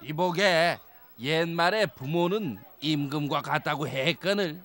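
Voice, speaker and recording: A man's voice: fairly high pitch, measured pace, a bit bright. A man playing a stern old villager in a children's folk tale, scolding in old-fashioned formal speech.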